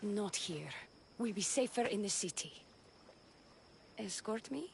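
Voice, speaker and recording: Sly, poised priestess, measured and theatrical. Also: female voice, mid-range voice, animated, vocal fry, slight background noise. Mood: guarded, formal. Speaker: game character. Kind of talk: video game voice acting.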